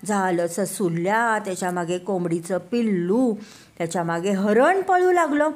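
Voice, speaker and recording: An older woman telling a children's story in a slow, sing-song way, addressing the kids directly. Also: mid-range voice, lively intonation, darkish tone. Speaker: storyteller grandmother.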